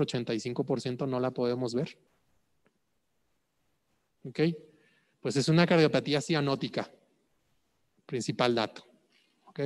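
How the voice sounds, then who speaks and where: A man's voice: medium pitch, long reverb tail. A man lecturing on clinical cases, asking rhetorical questions and checking in with "ok?". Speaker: medical exam prep lecturer.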